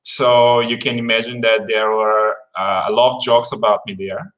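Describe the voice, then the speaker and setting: A man's voice: fairly low pitch, level tone, moderate pace, a bit bright, rough recording. A man in his thirties from Bulgaria, a guest on a casual livestream talk, speaking politely with many fillers and restarts over a video call.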